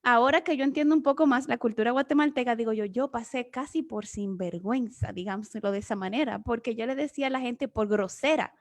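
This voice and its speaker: Heard via remote video session, a woman with a Dominican Spanish accent talks fairly quickly and with few pauses, her voice on the high side. She's from the Dominican Republic and gives an earnest, explanatory Bible lesson as a guest speaker.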